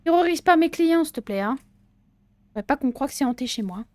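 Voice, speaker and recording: A woman's voice: high voice, expressive, a little fast, a little mellow, no room sound. A woman giving casual let's-play commentary on a horror game, chatty and jokey, talking back to the characters with slang and swearing. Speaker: gaming video creator.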